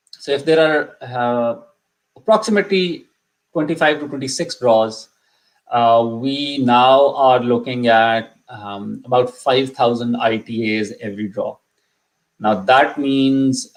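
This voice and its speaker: A middle-aged man with a medium-pitched voice hosts a live immigration session, speaking casually with frequent ums and restarts. Urdu is his first language, and he's a little sick, with a cough. The audio quality is poor in this casual live-stream talk.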